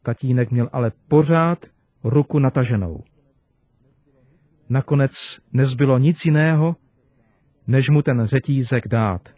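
A man preaching to children, telling a story gently and expressively. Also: medium pitch, long pauses, no echo, dull audio.

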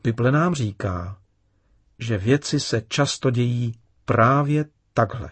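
A man voicing a kind, patient father in a children's story, calm and explaining. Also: medium pitch, husky, no echo, natural voice.

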